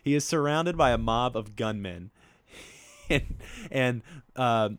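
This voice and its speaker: A man co-hosting a casual movie-review podcast, rambling with lots of ums and quick laughs. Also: mid-range voice, expressive, fairly bright tone, clear, resonant tone, dry recording. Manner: laughs often, rambling with many ums and uhs. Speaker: podcast co-host.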